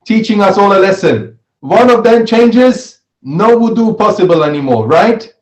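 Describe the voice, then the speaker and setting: Animated and moderately paced, a high-pitched, slightly mellow Swiss man teaches an Islamic studies class built on questions and answers. He repeats key phrases, quizzes his listeners and often adds "right?", while the room echoes audibly around him.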